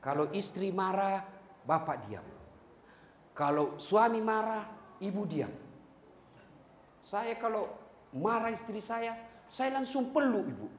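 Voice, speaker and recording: Male preacher, animated sermon delivery, long hall reverb. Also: high-pitched, slow pace, long pauses, a little hiss or hum. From Indonesia. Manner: animated, jokes with the crowd, breaks into song. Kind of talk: lively sermon to a congregation.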